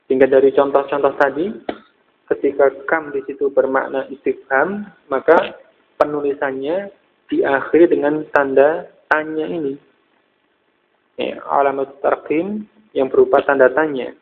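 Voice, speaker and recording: Tinny-sounding Indonesian man teaching slowly. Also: mid-range voice, steady tone, vocal fry, slight background noise. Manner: slow, repeats terms and asks himself questions. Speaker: religious teacher of Arabic grammar. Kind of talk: recorded study-circle lesson. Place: small prayer hall. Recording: phone-like tinny audio.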